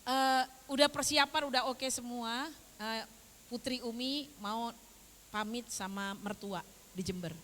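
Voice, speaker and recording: Older woman religious teacher, Indonesian accent, lively storyteller, fairly high voice, hall reverb with faint hiss. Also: a little slow. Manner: animated, acts out the voices of her story.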